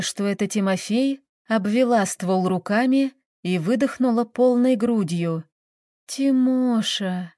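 A woman narrating a village story in an expressive reading voice. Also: on the high side, no echo, studio quality.

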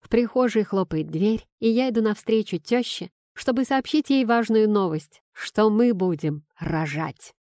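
A woman narrating a first-person novel in a lively, ironic storytelling manner. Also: mid-range voice, measured pace, hardly any pauses, dry recording, studio quality. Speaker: audiobook narrator.

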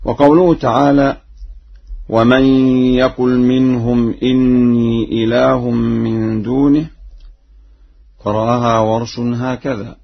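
رجل يلقي درسًا دينيًا إذاعيًا بتأنٍّ شديد ونبرة مستوية قليلة التلوين. يتنقل بين شرح رصين وترتيل قصير للشواهد. الصوت مكتوم قديم كأنه من تسجيل إذاعي عتيق. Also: male voice, mid-range voice, steady tone, creaky. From Egypt. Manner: measured formal explanation with short chanted verse recitations. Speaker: Quran recitation scholar. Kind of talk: broadcast religious lesson. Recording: muffled old radio broadcast.

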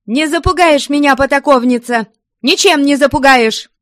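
A woman voicing a high, shouting young rival; loud, defiant, storybook character. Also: steady tone, slow pace, no echo, studio quality. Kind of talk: audiobook character voice.

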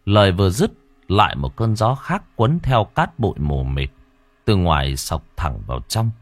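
A man narrating a ghost story in a dramatic way, slowing down for tense moments. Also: low-pitched, big pitch swings, no room sound. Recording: dry close voice with faint background music.

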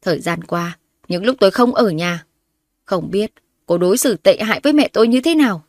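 Woman reading angry domineering husband, shouting, threatening, dry sound. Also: medium pitch, expressive, brisk, no echo.

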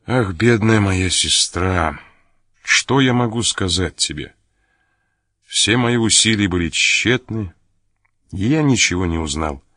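A man reading the part of a young nobleman who talks to his sister in a gentle, reassuring way. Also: low voice, expressive, slow pace, long pauses, dry recording, studio quality, exaggerated voice. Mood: earnest. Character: young nobleman, caring and lightly joking brother.

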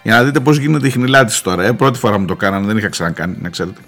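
A man hosting a radio talk show, telling a wry story and acting out the people in it. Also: on the low side. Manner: animated, wry, mimics the people he quotes.

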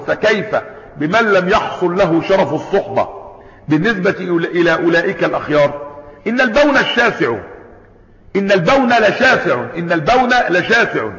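A man's voice: high-pitched, fairly bright tone. A man with an Egyptian Arabic accent giving a religious lesson, moving between formal recitation and colloquial explanation, and putting rhetorical questions to his listeners. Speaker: sheikh teaching a creed commentary. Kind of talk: lecture-style religious lesson. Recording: echoey hall, dull lo-fi sound.

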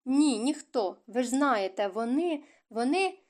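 A man's voice: very high-pitched, animated, normal speed. A woman reading a lovesick young man who stammers and pleads with the girl he loves. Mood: sorrowful. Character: lovesick clumsy young male suitor, stammering.

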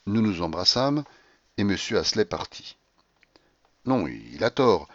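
A man narrating a classic novel as an audiobook, measured in pace, with a brooding first-person voice. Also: sits low, big pitch swings, a bit bright, no room sound, highs cut off. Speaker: audiobook reader.

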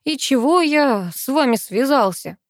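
A woman's voice: high-pitched, animated, measured pace, dry recording, clean studio sound, pitched above the performer's own voice. A woman voicing a cocky, joking teenage boy in an audiobook, drawling and teasing.

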